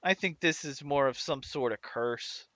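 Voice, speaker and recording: A man voicing a weary, matter-of-fact male guard captain in a tabletop game, with a faint put-on Southern drawl, rambling and halting with many restarts. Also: medium pitch, a bit bright, no room sound, dull audio, natural voice. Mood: explaining. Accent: put-on Southern US drawl, dropping.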